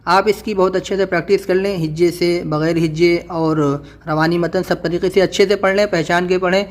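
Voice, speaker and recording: A man teaching Quran reading, drawing out letter sounds slowly and then explaining quickly. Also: high voice, steady tone. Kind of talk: spelled-out reading lesson.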